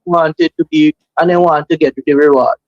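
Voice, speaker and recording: A man's voice: on the high side, steady tone, normal speed, muffled recording. A man with a Jamaican accent talking casually and emphatically as a guest on a talk show, repeating phrases to drive his opinions home.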